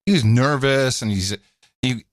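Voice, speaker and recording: A man's voice: mid-range voice, measured pace, no echo, clean studio sound. A man co-hosting a podcast, giving casual, sarcastic political commentary with sudden leaps into mocking voices. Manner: animated, sarcastic, jumps into mock voices. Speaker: podcast co-host.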